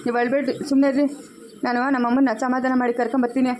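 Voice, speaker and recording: A woman's voice: high-pitched, level tone, rapid-fire, a little mellow, slight background noise, close to an everyday voice. A woman playing a kind young village groom who talks in a firm, reassuring way, with a Chikkaballapur Kannada accent. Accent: Kannada of the Chikkaballapur region.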